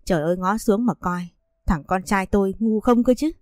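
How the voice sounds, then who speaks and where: A woman voicing a sharp-tongued, scolding middle-aged mother-in-law who sneers at her son's wife. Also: medium pitch, normal speed, no echo, clean studio sound, natural voice. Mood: indignant.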